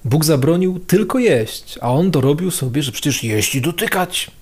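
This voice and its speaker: A man's voice: on the high side, animated, normal speed, darkish tone, breathy edge. Priest guy doing a chatty video sermon, slangy, keeps repeating lines to hammer them home. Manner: conversational, slangy, repeats phrases for emphasis.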